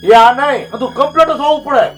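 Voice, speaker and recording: A man's voice: extremely high pitch, fast talker, faint music behind. An actor playing a stern older village father who scolds and commands his daughter in a village drama.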